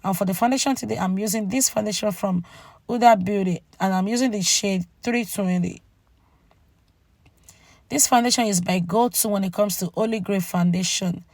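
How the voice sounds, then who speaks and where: Female beauty vlogger, casual voice-over, cracking gravelly voice from a cold, mid pitch, talks directly to viewers. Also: normal speed, darkish tone, no room sound. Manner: chatty, addresses viewers directly with tag "okay?". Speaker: beauty channel host. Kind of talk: makeup tutorial voice-over, casual narration.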